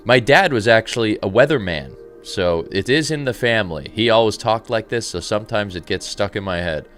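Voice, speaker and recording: A man hosting a live trading stream, talking in a calm, soft, relaxed radio-DJ manner and sounding a little tired. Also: lowish voice, a little fast, soft background music. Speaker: trading livestream host. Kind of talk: live market commentary reading chat.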